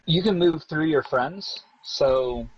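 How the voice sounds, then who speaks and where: A man running a tabletop game as dungeon master, narrating in a halting way with many ums and restarts. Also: fairly high pitch, slightly rough, no room sound, highs cut off.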